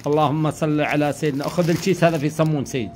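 A man's voice: on the high side, fairly even intonation, racing. A man with a Kuwaiti accent casually prompting his guest with old sayings, as host of an informal chat. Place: sitting room, indoors. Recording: clear background noise in room.

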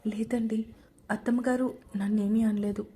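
A woman's voice: medium pitch, flat delivery, normal speed, warm tone, natural voice. A woman voicing a meek, polite young newlywed daughter-in-law. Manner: polite and respectful.

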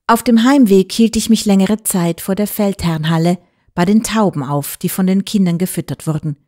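A woman reading an audiobook aloud in measured, even storytelling. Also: medium pitch. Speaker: audiobook reader. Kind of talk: scripted audiobook narration.

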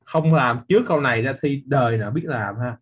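Casting: young male physics teacher, husky, teasing, quizzes the class. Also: mid-range voice, brisk, dull audio. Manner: lively, quizzing students by name, teasing. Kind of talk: live online class quiz review.

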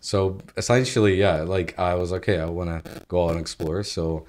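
A man's voice: low-pitched, fairly even intonation, brisk, darkish tone, a little hiss or hum. A man in his thirties from Ukraine, a guest in a casual home interview, talking in an easygoing way with loose phrasing and frequent laughs. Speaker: guest, agency founder. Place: home living room. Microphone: studio mic on boom arm.

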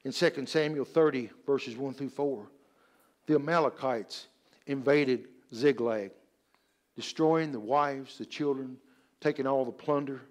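A man's voice: mid-range voice, a little slow. A man preaching a sermon, telling scripture and personal stories with earnest emphasis.

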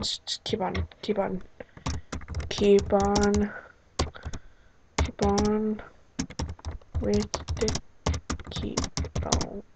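A woman's voice: mid-range voice, vocal fry, noisy background. A young woman casually commenting on her gameplay, rambling with exclamations and muttered asides at her computer mic. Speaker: let's play host.

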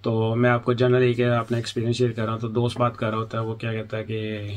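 A man's voice: mid-range voice, completely flat delivery, fast talker. A man from Pakistan, an international student in the UK, giving chatty advice in a casual vlog and acting out little exchanges as he talks. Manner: chatty, acts out quoted exchanges.

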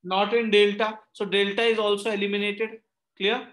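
High-voiced North Indian man teaching. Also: flat delivery, normal speed, a bit bright. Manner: repeatedly checks understanding with short questions; mixes Hindi phrases into English. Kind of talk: interactive online reasoning lesson. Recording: roomy echo on the voice.

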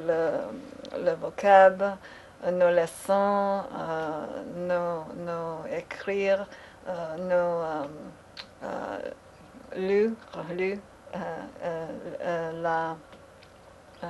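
A woman practicing French in a halting monologue. She hesitates a lot, fills pauses with long sounds and slips into English. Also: fairly low pitch, a little mellow, highs cut off, slight background noise. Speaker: French learner. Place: home in Dallas, Texas.

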